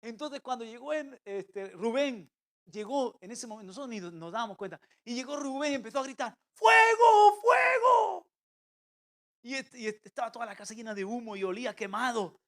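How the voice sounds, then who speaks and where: Man, pastor, high-pitched voice, sermon, emphatic loud calls, soft asides. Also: quick pace. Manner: swings between loud emphatic calls and quiet intimate asides. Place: church.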